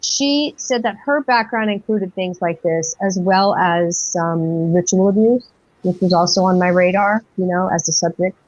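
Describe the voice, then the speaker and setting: A woman's voice: on the low side, moderate pace, no echo. A middle-aged woman telling her personal story as an interview guest, rambling and breathless, full of fillers and acted-out quotes. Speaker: guest experiencer. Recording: dull lo-fi dry audio.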